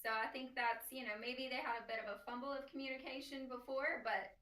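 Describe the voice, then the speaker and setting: A woman's voice: high-pitched, fairly even intonation, fast, bright, forceful tone, reverberant, recorded from a distance, rough recording. A woman giving color commentary on an esports match as co-caster, giggly and encouraging, laughing a lot.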